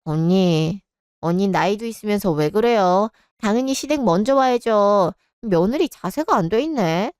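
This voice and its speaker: A woman's voice: medium pitch, lively intonation, normal speed, darkish tone, clear, resonant tone, no echo, studio quality, lightly acted. A woman voicing a bratty, self-righteous young sister-in-law in a radio drama, snippy and lecturing.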